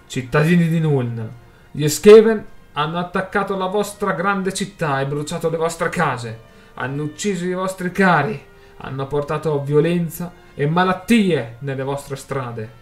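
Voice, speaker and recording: A young male adventurer bellows a rallying speech from atop a cart, performed by a man reading a storybook aloud. His voice climbs high and loud with passion, pushing each phrase over a restless crowd. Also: a little slow, soft background music, natural voice. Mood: fiery rallying shout. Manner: loud impassioned oratory.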